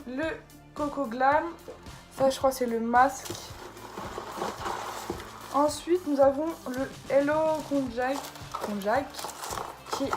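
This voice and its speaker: A woman chatting casually through an unboxing video, tripping over product names as she shows them. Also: high voice. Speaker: beauty vlogger. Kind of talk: casual unboxing haul vlog.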